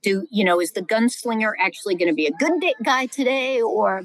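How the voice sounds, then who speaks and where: A middle-aged woman explains history with the energy of a storyteller, painting big battle scenes and exclaiming as she goes. Her voice sits at an ordinary pitch. The recording is close and dry. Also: brisk, no echo, rough recording. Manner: animated, vivid storyteller, exclaims often. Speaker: guest Old Testament scholar. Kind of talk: podcast interview, teaching.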